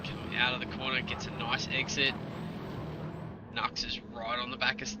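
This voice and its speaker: A man giving excitable play-by-play as a motorsport commentator during live racing. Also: medium pitch, moderate pace. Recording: loud engine and vehicle noise behind. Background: loud car and vehicle noise.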